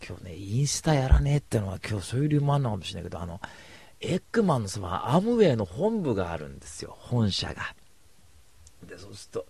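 Gravelly-voiced man telling a rambling story. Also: fairly low pitch. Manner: drifts between mumbling asides and loud bursts. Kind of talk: casual rambling anecdote.

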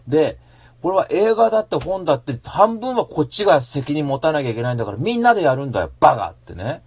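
A man hosting a radio show in a casual rambling monologue, slangy and animated, breaking into mock-angry rants. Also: on the high side, quick pace, breathy edge.

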